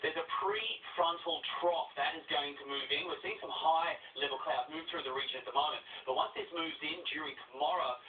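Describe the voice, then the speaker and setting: A man explains the weather forecast briskly, his voice pitched a bit high. He sounds distant and echoey on a thin, off-air TV recording. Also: phone-quality sound, slight background noise. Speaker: weather presenter.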